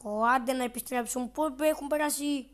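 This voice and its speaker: A woman giving excitable let's-play commentary on a horror game, talking back to the game, swearing and dropping to mutters. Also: high-pitched. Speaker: gaming video creator.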